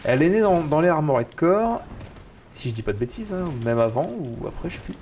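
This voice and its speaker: A French man casually commenting on a video game he is streaming, chatty and excitable. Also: on the high side, brisk, a little hiss or hum. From France. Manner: chatty, excitable, swears at setbacks.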